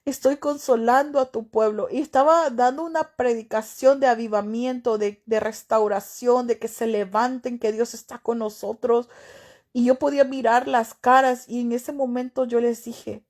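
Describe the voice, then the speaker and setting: A woman's voice: fairly high pitch, fairly even intonation, normal speed, a little mellow. A middle-aged woman pastor preaching an emotional testimony sermon, fervent and repeating her phrases for emphasis.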